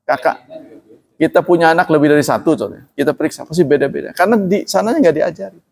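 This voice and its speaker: A man with a fairly high, fry-tinged voice preaches at a quick pace to a congregation, keeping his religious lecture plain and even. He labels himself flat-spoken and often seeks his listeners' agreement. The recording has long reverb from a hall.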